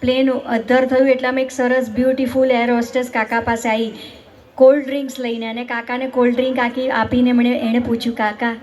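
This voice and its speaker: A woman on stage telling comic stories, with a high, clear voice. She teases the audience and keeps asking them questions, in a lively, chatty way. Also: brisk. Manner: chatty, teasing, talks directly to the audience. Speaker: stand-up comedian. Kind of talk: stand-up comedy storytelling.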